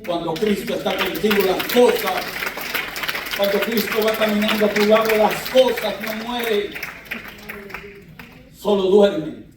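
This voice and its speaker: High-pitched male pastor preaching hard, slow, heard from far off in a big echoey church, faint noise. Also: over a noisy crowd. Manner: fervent, calls out for amens. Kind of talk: sermon. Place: large church hall.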